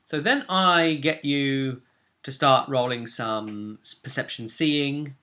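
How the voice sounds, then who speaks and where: A game master with a bright, forward voice in the middle male range casually recaps a tabletop role-play session at a slow pace. He's chatty and rambling, often tacking questions onto his sentences to get agreement.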